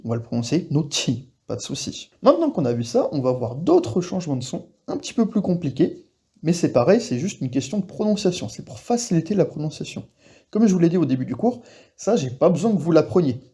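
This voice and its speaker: A man teaching Korean pronunciation to French speakers in a casual, reassuring way, slowly repeating example words. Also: on the high side, warm tone, husky.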